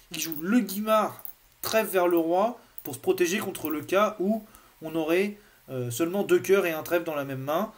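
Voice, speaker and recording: A man explaining bridge card play in an unscripted lesson, hesitant, with many fillers and restarts. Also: high voice. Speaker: bridge teacher.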